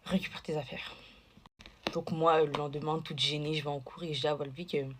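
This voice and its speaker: A woman's voice: sits low, level tone, quick pace, noisy background. A woman telling a casual story to camera, chatty and digressive, full of fillers and asides.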